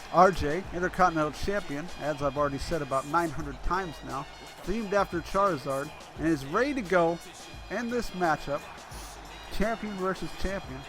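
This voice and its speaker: A man calling a wrestling show as play-by-play commentator. He talks excitably, tripping over names and correcting himself. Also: high voice.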